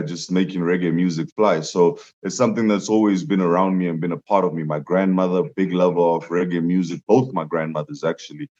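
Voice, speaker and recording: Deep and somewhat dark in tone, this young musician relates stories with animation as a guest in a casual interview. He laughs a lot and pitches his voice up for quoted lines, and the audio is dull and lo-fi.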